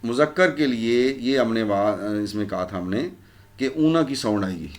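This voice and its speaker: Man, grammar teacher, recorded lesson, mid pitch, repeats endings, answers own questions. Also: lively intonation. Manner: repetitive drilling of word endings, asks and answers own questions.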